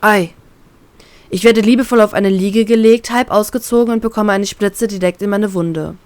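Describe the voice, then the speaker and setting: A woman reads a first-person fan-fiction story aloud at an average pitch. Her narration is calm and even. The recording is dry and close. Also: a little fast, no room sound. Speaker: reader, narrator.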